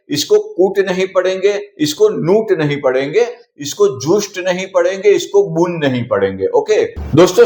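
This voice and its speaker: Lively male teacher, echoey room. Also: fairly high pitch. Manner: repeats example words slowly, asks and answers his own questions. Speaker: English teacher. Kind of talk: explaining pronunciation rules.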